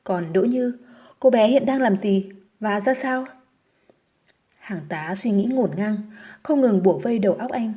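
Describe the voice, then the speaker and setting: A woman narrating a novel audiobook in a steady, measured reading style. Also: mid-range voice.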